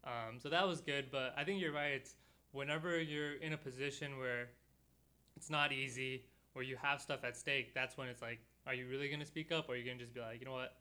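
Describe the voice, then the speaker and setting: A man's voice: medium pitch, a little fast, smooth. A young man hosting a podcast from a studio, chatting casually and telling stories with lots of fillers. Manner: relaxed storytelling with many fillers. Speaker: podcast host.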